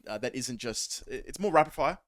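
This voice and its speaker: A man from Australia co-hosting a casual podcast, rambling with restarts and slipping into animated quoted voices. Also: mid-range voice, a little fast, no room sound, studio quality. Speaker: podcast co-host.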